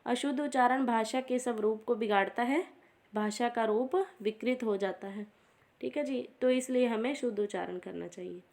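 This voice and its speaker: A woman. She reads points off in a steady run of lists. She breaks the lists with short "theek hai ji" asides. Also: fairly high pitch, normal speed. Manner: steady list-reading, frequent "ठीक है जी" asides. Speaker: teacher. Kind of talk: exam revision lecture.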